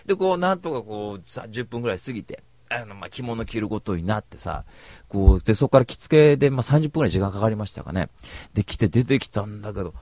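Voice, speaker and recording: A man's voice: on the low side, animated, fast talker, a little mellow, no room sound. A man rambling through a casual storytelling monologue, blunt and slangy, calling himself a cynic. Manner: slangy rough speech.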